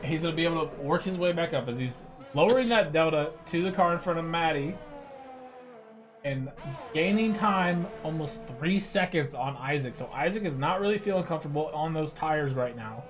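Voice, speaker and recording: A young man calls a sim-racing league race, walking through tyre and overtaking tactics in a calm, measured way. His voice sits a little high for a man. Faint music plays underneath the commentary. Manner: steady, explanatory, measured tactical analysis.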